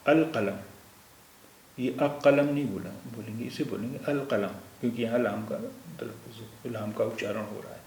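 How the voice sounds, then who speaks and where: A man gives a spoken language lesson and goes through each point slowly, repeating the key terms. His voice sits at an ordinary middle pitch. The room around him rings noticeably, with a faint hiss underneath. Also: fairly even intonation, a little mellow. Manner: patient, explains step by step and repeats terms. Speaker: language teacher. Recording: echoey room with faint noise.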